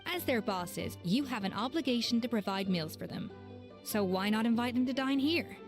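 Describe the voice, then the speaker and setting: A woman voicing a calm, courteous female chef in game dialogue. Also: a little high, music in the background, close to an everyday voice. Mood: composed. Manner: smooth, measured and courteous.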